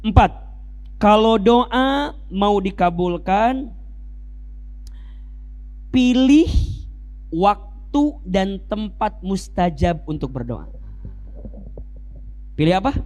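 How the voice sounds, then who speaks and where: Lively male preacher. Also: high voice, very slow, pauses often. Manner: lively, rhetorical questions to the audience, joking asides. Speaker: Islamic preacher. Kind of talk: sermon.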